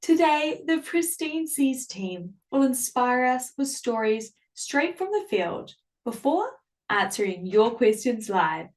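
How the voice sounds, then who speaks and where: A woman's voice: fairly high pitch, very animated, takes it slowly. A woman hosting a live online classroom in an enthusiastic, welcoming, upbeat presenting style. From Samoa or New Zealand. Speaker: host.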